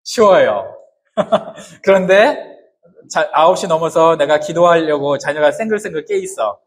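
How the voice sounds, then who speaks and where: A male pastor delivers a sermon in a slightly high voice. He keeps putting questions to the congregation and answering them himself, in casual, joking everyday words. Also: animated, a little slow.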